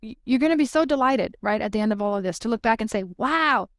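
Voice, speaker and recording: A woman's voice: on the high side, expressive, quick pace, no echo, studio quality. A woman channeling a spirit collective, giving emphatic spiritual guidance with frequent "right?" check-ins. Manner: emphatic, peppered with "right?" tags.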